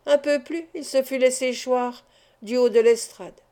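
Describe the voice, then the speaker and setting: Mellow-voiced woman reading a novel aloud. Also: high voice, fairly even intonation, unhurried. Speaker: audiobook narrator. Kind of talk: expressive audiobook reading.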